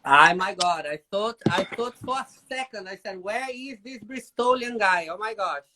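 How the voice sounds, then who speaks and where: A man with a high-sitting voice and a Brazilian Portuguese accent chats with his live-stream viewers at a measured pace, background noise audible. Broadcasting casually from his UK home, he's animated and chatty, switching between Portuguese and accented English and addressing everyone as "gente".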